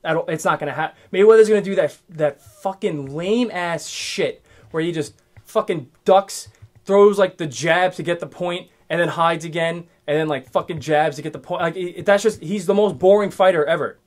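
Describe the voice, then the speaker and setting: A man's voice: fairly high pitch, normal speed. A man in his twenties hosting his own podcast, ranting casually alone, swearing often and rambling with many restarts. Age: 20s. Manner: profane, rambling, restarts a lot. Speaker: podcast host. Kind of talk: casual solo rant.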